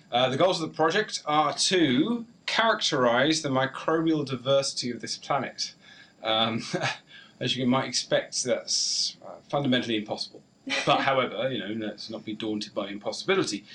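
Thoughtful male scientist, medium pitch, halting delivery. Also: fairly bright tone, low-quality recording. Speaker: interview guest, microbial ecologist. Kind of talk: unscripted interview explanation.

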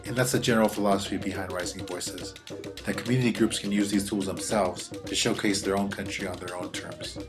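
A man's voice: low-pitched, steady tone, brisk. A man giving sincere, reflective scripted narration for an audio report. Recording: music playing clearly behind.

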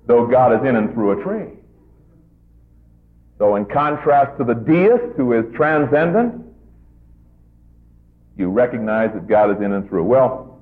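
A man preaching a sermon, teaching slowly and emphatically and drawing out his stressed words. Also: on the low side. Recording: tinny phone-like old recording.

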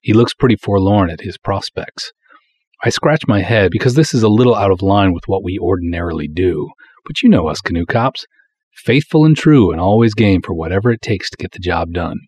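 A man plays a proud, folksy small-town cop narrating his own pulp detective story in the first person, with dramatic flair. His delivery is breezy, colloquial and hard-boiled, full of wisecracks, confident and casual. His low, animated voice is darkish and slightly rough, a little fast, in a dry recording.

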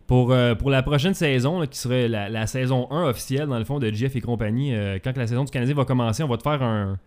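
A man with a Québécois accent hosts a laid-back talk show at an ordinary, middling pitch. He rambles and hesitates, filling his pauses with drawn-out ums. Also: darkish tone. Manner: hesitant, many filler sounds, rambling. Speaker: podcast host. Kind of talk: casual chat.

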